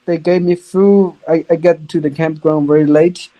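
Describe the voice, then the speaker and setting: A young man, speaking as a guest on a podcast. His voice sits a little high with a soft, mellow tone. He talks casually but haltingly, restarting sentences and repeating words as he goes. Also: steady tone, rough recording. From China. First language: Chinese. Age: young adult. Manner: halting, repeats words, non-native grammar. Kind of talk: casual storytelling.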